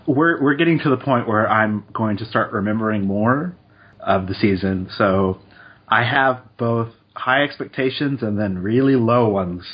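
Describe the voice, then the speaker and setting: A man co-hosting a podcast in casual chat, relaxed and quick with asides. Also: on the low side, breathy edge, lo-fi sound. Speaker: podcast co-host. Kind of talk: casual chat, reading statistics aloud.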